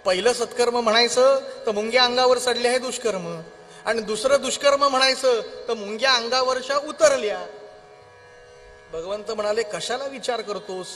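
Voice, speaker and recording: A man performing a devotional kirtan, telling a story in an animated way with acted character voices and chanting scripture verses, in a large auditorium. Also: extremely high pitch, moderate pace. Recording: long hall reverb with faint instrumental music.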